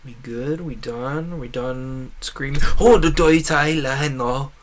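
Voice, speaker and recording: Animated and joking, this male gaming streamer rambles casually in his native English, frequently interrupting himself and mumbling side remarks. He speaks slowly in a mid-range voice, with a little hiss or hum on the recording.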